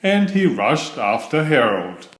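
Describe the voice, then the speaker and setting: A man with a mid-range voice reads a children's bedtime story aloud, deliberate and expressive in a storybook manner. The recording is roomy, and his voice echoes.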